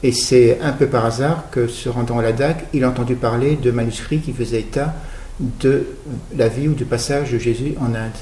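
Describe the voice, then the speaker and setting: A middle-aged man from Guadeloupe, an author interviewed on radio, speaking in a measured, explanatory way with occasional hesitations. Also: medium pitch, steady tone, dark tone, reverberant, slight background noise. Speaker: author guest.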